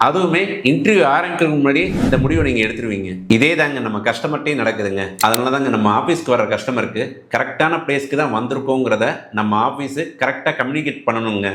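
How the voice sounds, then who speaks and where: A man's voice: mid-range voice, a bit bright, slight background noise. Tamil man giving business advice, echoey room. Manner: addresses viewers with rhetorical questions, polite spoken Tamil. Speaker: business coach. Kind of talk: direct-to-camera business advice.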